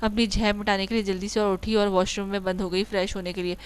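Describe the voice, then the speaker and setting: A woman narrating an audio novel in a smooth, clear voice. Her pitch stays fairly flat as she reads on steadily. She corrects the odd stumble mid-sentence. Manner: steady reading with small slips and self-corrections. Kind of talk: reading a romance novel aloud.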